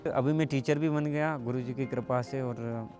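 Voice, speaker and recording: Young man, casual testimonial, hesitant storyteller, average pitch, clear music bed beneath. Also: steady tone, normal speed, a little mellow. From Kashmir. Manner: conversational storytelling with hesitant fillers. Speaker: meditation teacher sharing his story. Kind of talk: personal testimonial. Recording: music playing clearly underneath.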